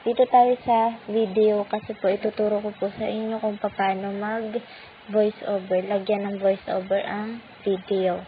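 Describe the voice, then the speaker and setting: A woman with a Filipino accent, medium-pitched and flat, speaks at a measured pace as she hosts a tutorial channel, guiding viewers step by step through a phone app. She is polite and patient, sprinkling in many "po" courtesy markers. The audio sounds tinny, like a phone, with faint noise.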